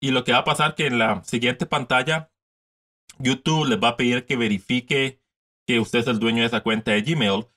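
A man's voice: medium pitch, fairly even intonation, normal speed, pushed and bright. A man in his thirties giving a casual step-by-step screen tutorial from his desk, repeating steps and mixing in English words. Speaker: tutorial host.

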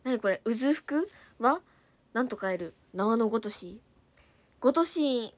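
Young woman, high voice, fast casual livestream chatter, Hiroshima dialect flecks. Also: lively intonation, dry recording. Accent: Hiroshima dialect in places. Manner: chatty, quick-talking, reads viewer comments aloud and thanks them. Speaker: idol livestreamer reading comments.

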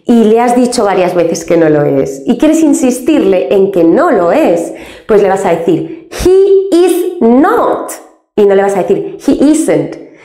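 A woman from Spain teaching English grammar step by step, slowly and patiently spelling out each example. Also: medium pitch, very animated, mellow, roomy sound. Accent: Spain Spanish.

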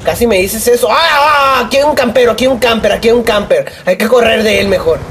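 A young man with a Mexican accent giving live gameplay commentary, swearing, joking in rambling asides and yelling at opponents. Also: high-pitched, fast talker, a little hiss or hum. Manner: profane, excitable, yells at opponents. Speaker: gaming YouTuber.

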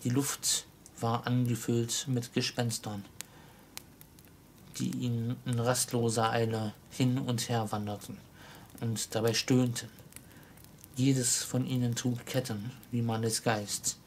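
Slow, even-voiced man reading a story. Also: mid-range voice, a little hiss or hum. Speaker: audiobook reader. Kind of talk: reading a classic story aloud.

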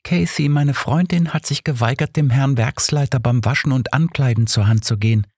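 In a clean studio recording with no room sound, a man performs a guarded, matter-of-fact young workhouse girl with faint defiance for an audiobook story, raising his pitch above his natural register. His mid-range voice moves at normal speed, a little mellow and slightly rough. The mood is matter-of-fact and resigned, and her wording is deferential.

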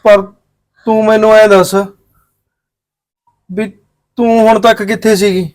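A man playing a remorseful son, high-voiced. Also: flat delivery, unhurried, a little mellow. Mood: surprised. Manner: earnest, regretful, tearful.

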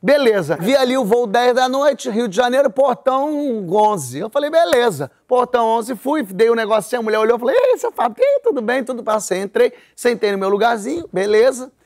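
Animated high-voiced Brazilian man telling a story. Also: a little fast, few pauses. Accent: Brazilian Portuguese. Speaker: host. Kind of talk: comic storytelling on a talk show.

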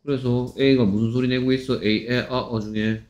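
A man's voice: mid-range voice, flat delivery, moderate pace, a little mellow, echoey room. Insistent man drilling phonics. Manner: insistent, scolding and repetitive. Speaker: phonics teacher.

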